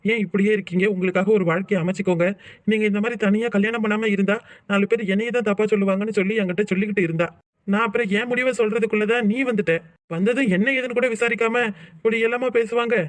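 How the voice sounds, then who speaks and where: A man voicing an earnest, self-sacrificing young man in a cartoon who speaks calmly and reasons from the heart. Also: sits high, no echo, lightly acted. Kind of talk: cartoon voice acting.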